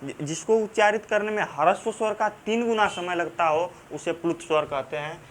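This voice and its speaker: Halting male Hindi teacher with a Banarasi accent. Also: sits high, a little hiss or hum. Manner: repeats key terms, checks in with "theek hai"; halting, many fillers and restarts. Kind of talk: classroom grammar lesson.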